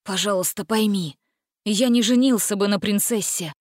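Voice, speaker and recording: A woman's voice: mid-range voice, moderate pace, darkish tone, dry recording, clean studio sound, natural voice. A woman voicing an earnest young prince.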